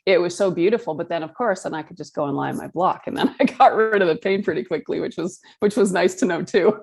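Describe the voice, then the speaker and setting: A woman host with a lowish voice, chatting enthusiastically. She gushes with praise and strings her thoughts together with you-knows. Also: fast, vocal fry, breathy edge. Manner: enthusiastic, warm praise, lots of you know. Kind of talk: casual conversation.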